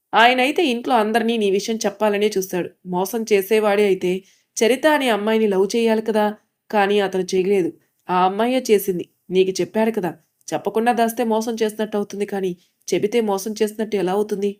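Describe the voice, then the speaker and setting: A woman's voice: medium pitch, steady tone, a little fast, darkish tone, natural voice. A woman voicing an outspoken young woman who talks bluntly and lectures.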